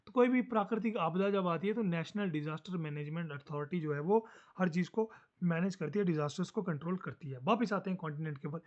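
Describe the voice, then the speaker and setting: A man teaching a social studies lesson fast and casually, mixing Hindi with English terms. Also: high voice, lo-fi sound.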